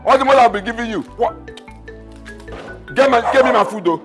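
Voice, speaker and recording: A man's voice: extremely high pitch, brisk, loud music behind the voice. An actor with a Nigerian accent playing a scoffing, bossy middle-aged father in a film drama. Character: gruff scornful middle-aged father, mocking and domineering.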